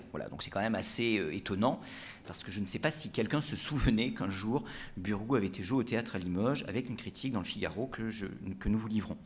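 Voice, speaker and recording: A man giving a talk about a book in a library lecture room, hesitant and full of fillers and restarts, before reading extracts aloud. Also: fairly low pitch.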